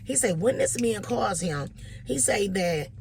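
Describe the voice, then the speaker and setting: A woman vlogger with a Detroit accent, telling a motivational story in a casual, animated way and often checking in with "you know what I'm saying.". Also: mid-range voice, unhurried, creaky, slight background noise.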